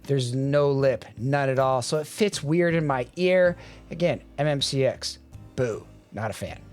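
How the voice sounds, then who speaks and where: A man's voice: medium pitch, steady tone, unhurried, smooth, soft background music. A man giving a casual, wry product review with frequent restarts. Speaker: audio gear reviewer.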